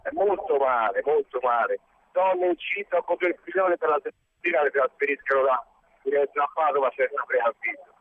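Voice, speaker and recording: A man's voice: on the high side, very animated, normal speed, a little hiss or hum. A male caller talking on speakerphone from his car on the motorway, insistent and argumentative. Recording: tinny phone line.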